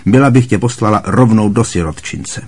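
Casting: a man doing a blustering harsh aunt, high and loud, lively, husky edge, storybook reading. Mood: scornful. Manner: booming, barking and harshly scolding. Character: bossy loud middle-aged aunt who scorns the boy.

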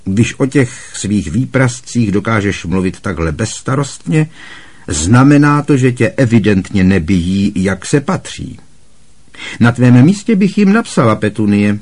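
A man reading aloud, voicing a bossy, loud middle-aged aunt who barks harsh scolding at a boy. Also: animated. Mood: scornful. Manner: booming, barking and harshly scolding.

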